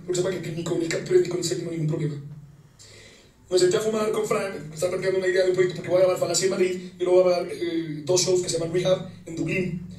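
A man's voice: sits high, darkish tone. A man with a Mexican accent telling a heated story in a rant, coarse and slangy, acting out the lines of others. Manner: fast, coarse, slangy, acts out quotes. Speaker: comedian recounting a wedding fight. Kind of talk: ranting storytelling. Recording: echoey, distant, faint noise.

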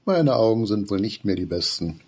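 A man's voice: fairly low pitch, lively intonation, normal speed, a little mellow, husky. A man reading aloud and voicing a polite, old-fashioned elderly male frog with formal, courteous speech. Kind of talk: storybook reading.

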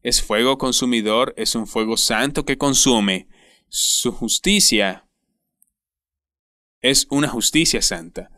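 Slow, bright-voiced male preacher. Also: mid-range voice, dry recording, clean studio sound. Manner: slow, deliberate, emphatic with repeated words. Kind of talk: sermon voice-over.

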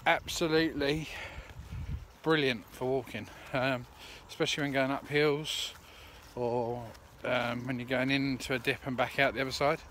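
An outdoors vlogger with a mid-range, fairly bright voice speaks at normal speed with little pitch movement. He chats casually and rambles with lots of ums through a woodland cooking and hiking vlog at a campsite and path, filmed on a handheld phone at arm's length with clear background noise.

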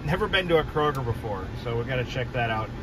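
A man's voice: medium pitch, animated, fast talker. A young man from New England chatting casually to camera while he drives, rambling and correcting himself with frequent ums. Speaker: car vlogger. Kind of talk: casual driving vlog. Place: inside a moving car. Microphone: phone camera on the dashboard. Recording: car and road noise behind.

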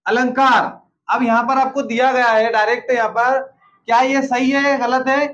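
A man teaching an exam-prep lesson, asking quick questions and answering them himself, checking in often with the listener. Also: very high voice, level tone, fairly bright tone, dull audio, a little hiss or hum. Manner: drills with frequent "ठीक है ना" check-ins. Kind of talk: classroom-style lesson.

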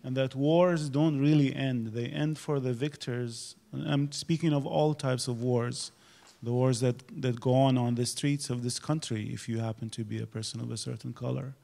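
An older man from Iraq, a poet speaking thoughtfully on an auditorium stage panel into a handheld mic, with halting restarts. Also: mid-range voice, fairly even intonation, vocal fry, warm tone. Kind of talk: reflective panel discussion.

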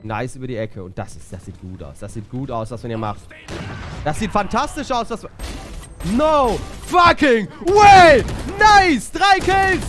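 A man giving excited live commentary on an esports match. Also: lowish voice, a little fast, faint music behind.

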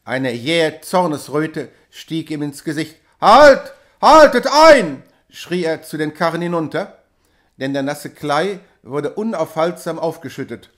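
Guy reading a classic story aloud, measured and dramatic, slightly high voice. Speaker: audiobook reader. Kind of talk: literary reading.

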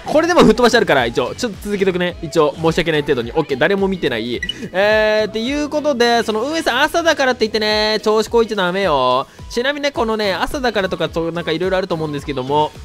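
A man giving chatty, excitable gameplay commentary as a gaming YouTuber, his voice a little nasal and hoarse from a cold. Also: high voice, quick pace, few pauses, soft background music. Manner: chatty, excitable, breaks into shouts while playing.

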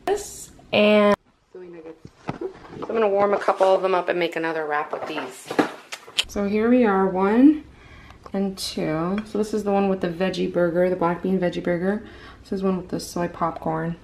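Holding the camera herself, a young vlogger narrates her day in a casual, rambling way, chatting with lots of "like" and "um." She has a lowish voice, and the background is noisy.

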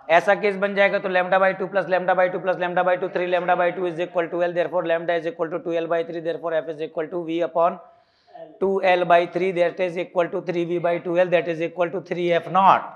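A man from India teaches a physics class in Hindi sprinkled with English terms, quizzing students with repeated questions and teasing asides. His voice is high and the audio sounds dull.

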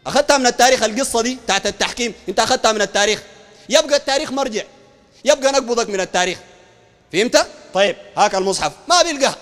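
A male preacher with a Sudanese Arabic accent, debating combatively, firing rhetorical questions and shouting at times. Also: very high-pitched, lively intonation, rapid-fire. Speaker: Islamic preacher. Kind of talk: heated public debate. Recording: long hall reverb.

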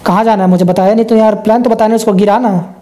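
Young guy rambling n joking over a game, mellow darkish voice. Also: sits high, fairly even intonation, very fast. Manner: chatty, joking, talks to himself. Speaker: gameplay commentator. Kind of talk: casual gameplay commentary.

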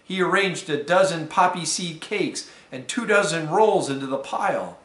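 A man, a deacon, reading a fable aloud to students in a careful, measured storytelling manner. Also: a little high, animated, a bit bright. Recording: roomy echo.

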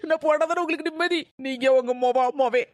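A young woman playing a defensive, indignant daughter-in-law in a comedy skit, retorting with sharp questions. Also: high-pitched, brisk, no echo, studio quality, lightly acted. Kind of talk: scripted comic family quarrel.

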